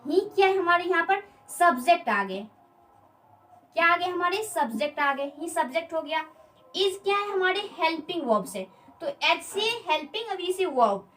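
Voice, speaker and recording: Very high-voiced woman teaching grammar. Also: expressive, fairly bright tone, recorded from a distance, low-quality recording. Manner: explains slowly, repeats words, asks quick check questions. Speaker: spoken English teacher. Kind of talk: whiteboard grammar lesson.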